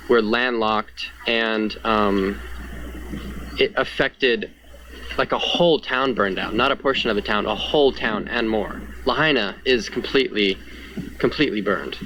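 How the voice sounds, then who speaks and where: A young man who survived a fire gives an earnest, conversational account in an interview, saying "like" often. His mid-range voice is a bit bright, the highs are cut off, and background noise is clearly audible.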